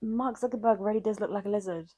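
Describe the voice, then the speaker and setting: A woman's voice: mid-range voice, fairly even intonation, fast, dark tone. A woman co-hosting a podcast in casual comedic chat, with a playful, giggly manner. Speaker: podcast co-host.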